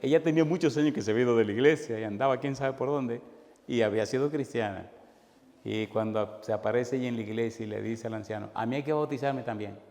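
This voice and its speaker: A man's voice: mid-range voice, fast. A man pastor preaching a sermon, animatedly acting out the voices in his stories. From Caribbean Spanish-speaking country. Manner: animated storyteller acting out dialogue. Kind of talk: sermon with storytelling. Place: church hall. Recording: long hall reverb, faint noise.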